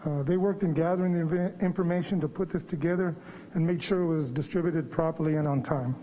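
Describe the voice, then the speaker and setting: A man's voice: a little high, brisk, dark tone, a little hiss or hum. A man giving a formal staff presentation at a public meeting, slightly muffled as he speaks through a face mask. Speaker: water quality manager presenting. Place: public board meeting room.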